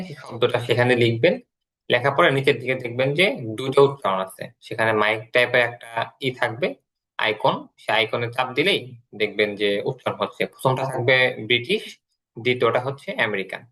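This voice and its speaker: A man teaching an online English class, explaining slowly and repeating words as he goes. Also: mid-range voice, fairly bright tone, low-quality recording.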